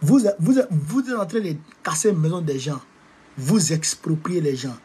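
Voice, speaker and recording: A man's voice: on the high side, moderate pace, warm tone, slightly rough. A man with an Ivorian French accent, ranting at political opponents in a combative, insulting and repetitive way. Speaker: political activist. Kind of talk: political rant to camera.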